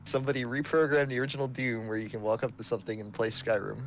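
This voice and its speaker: A man's voice: mid-range voice, flat delivery, fast, a little hiss or hum. A man co-hosting a live stream, chatting casually with dry, brief jokes. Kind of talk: casual chat while watching a live stream.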